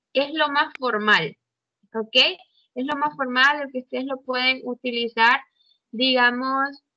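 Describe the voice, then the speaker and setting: A woman whose voice sits high teaches English grammar online, explaining things in Spanish and offering English examples while checking in often. There's no echo, though the online audio sounds dull and muffled.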